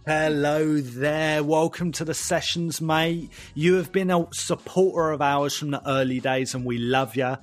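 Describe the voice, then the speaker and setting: A man's voice: on the high side, little pitch movement, normal speed, few pauses, soft background music. A man with an Essex accent hosting a casual podcast with blokey, enthusiastic banter. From Essex, England. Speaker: podcast host.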